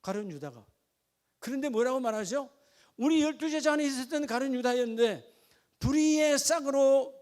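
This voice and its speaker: A man preaching a sermon in a strikingly high voice, pitched well above most men. As a middle-aged pastor, he keeps putting questions to his congregation and lightens the message with jokey asides.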